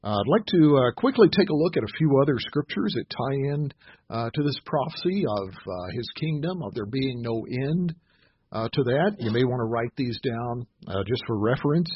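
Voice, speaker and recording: A man giving a sermon, often pausing with fillers and restarts, reading scripture aloud slowly and with emphasis. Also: mid-range voice, expressive, breathy edge, no echo, lo-fi sound. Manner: halting, many "uh" fillers and restarts. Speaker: pastor.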